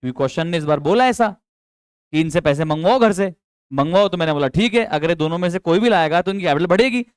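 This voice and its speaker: Man, accountancy lecture, high voice, smooth and dry close sound, keeps quizzing students. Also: animated, fast talker, dry recording. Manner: chatty, coaxing, quizzes students with repeated questions; mixes English terms into speech. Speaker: accountancy teacher. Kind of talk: classroom lecture.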